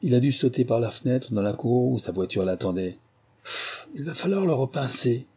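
A man's voice: mid-range voice, animated, normal speed, dark tone, slightly rough. A man voicing a suspicious army captain in plain clothes who barks clipped, commanding questions.

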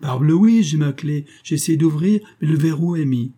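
A man's voice: mid-range voice, expressive, a little fast, mellow, slightly rough, pitched above the performer's own voice. A man voicing an agitated male painter who talks in an urgent, raised, anxious way.

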